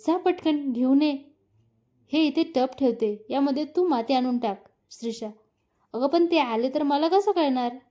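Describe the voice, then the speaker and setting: A woman narrating a family romance story, reading every character's lines herself in her own voice and only lightly lifting her pitch for them. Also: mellow.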